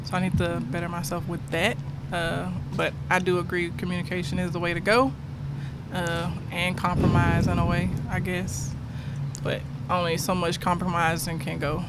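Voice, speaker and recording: A woman's voice: fairly low pitch, little pitch movement, moderate pace. A woman with a Southern US accent, speaking candidly and a little hesitantly in a casual panel chat. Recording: noisy background.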